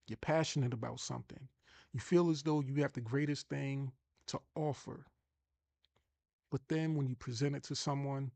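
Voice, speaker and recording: A man with a Long Island New York accent speaks to his viewers like a motivational coach, pressing his points hard and doubling back on words as he goes. His voice has a gravelly edge at a mid pitch. The sound is dry and close, with no room echo. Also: darkish tone. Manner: emphatic, restarts and repeats words. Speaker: online marketing coach.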